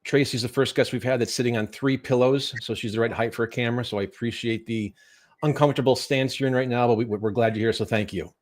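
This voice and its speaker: Fast-talking male host. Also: medium pitch, steady tone. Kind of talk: interview hosting.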